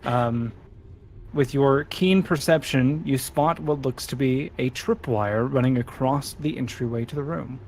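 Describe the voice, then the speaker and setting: A man running a tabletop role-playing game as game master, reading scene descriptions in a measured way between casual table talk. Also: mid-range voice, a little mellow, slight background noise.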